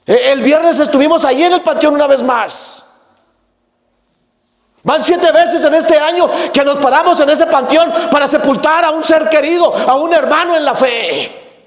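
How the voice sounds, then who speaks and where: A male pastor with a Mexican accent preaching a sermon emphatically, repeating his opening words and breaking into shouts. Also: extremely high pitch, normal speed. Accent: Mexican Spanish. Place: church sanctuary. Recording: echoey church with long reverb.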